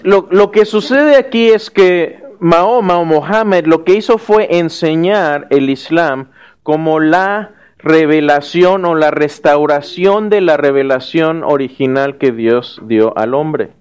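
A man teaching a class. He lectures and asks his students questions, checking in often with quick tag questions and restarting words as he goes. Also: on the high side, clean tone.

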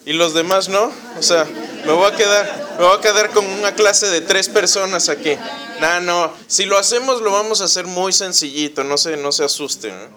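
A man with a high, bright, forceful voice speaks at normal speed while teaching a Bible study class in a conversational church lecture. He often asks the group questions, with frequent restarts and fillers.

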